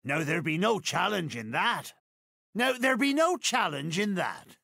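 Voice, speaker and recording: An actor playing a boastful, vengeful pirate captain in a video game, with a raspy voice, archaic pirate dialect and theatrical, drawn-out delivery. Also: male voice, high voice, big pitch swings, bright, forceful tone, dry recording, clean studio sound, exaggerated voice. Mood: mock apologetic. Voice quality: gravelly, raspy. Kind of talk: video game character voice acting.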